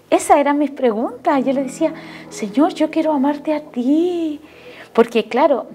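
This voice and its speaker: A woman's voice: fairly high pitch, dark tone. Earnest Chilean woman telling her testimony. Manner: earnest, keeps addressing the pastor directly. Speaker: guest giving a testimony. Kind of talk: emotional faith testimony in a TV interview.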